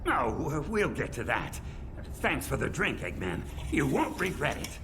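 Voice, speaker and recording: Vector, gravelly animated crocodile detective. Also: male voice, medium pitch, measured pace, noisy background, full character voice. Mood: easygoing. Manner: blustery, casual tough-guy detective talk. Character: brash male cartoon crocodile detective, confident and streetwise. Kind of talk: cartoon audio drama acting.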